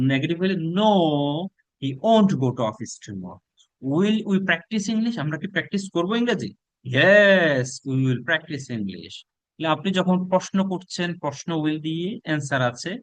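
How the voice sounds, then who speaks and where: A man with a Bangladeshi accent teaching a spoken English lesson, drawing out each model sentence slowly and giving quick translations in between. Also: a little high, no echo.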